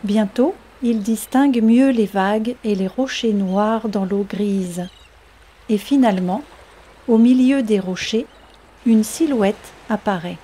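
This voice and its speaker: A woman narrating a story for language learners in a calm, evenly paced, scripted reading. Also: mid-range voice, slow pace, husky.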